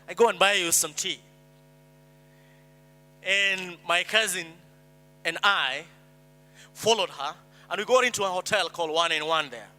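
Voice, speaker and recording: Kenyan man, high bright voice, earnest story speech, hall reverb and hum. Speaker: speaker.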